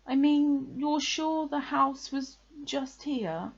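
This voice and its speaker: A woman's voice: high voice, takes it slowly, vocal fry, lo-fi sound, voice pushed up, heavily acted. A woman voicing a friendly, eager, slightly simple male toy bear from a children's storybook. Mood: puzzled. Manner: cheerful, eager, gently puzzled. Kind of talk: children's storybook character reading.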